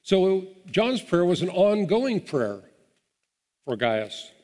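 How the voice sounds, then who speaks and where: A pastor preaching with an earnest, encouraging manner, sometimes restarting a phrase mid-thought. His voice sits a little high for a man. The sound carries a long reverb from the church sanctuary around him. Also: big pitch swings, slow, darkish tone. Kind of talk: sermon.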